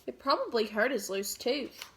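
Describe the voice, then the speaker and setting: A woman teacher reads a picture book aloud, warmly questioning the children in a child-directed way. Her voice is fairly high and animated at a normal speed, with slight background noise.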